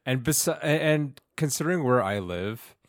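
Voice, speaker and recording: A man co-hosting a casual podcast, laid-back and halting, often interrupting himself. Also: medium pitch, lively intonation, no echo, studio quality. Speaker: podcast co-host. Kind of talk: casual chat.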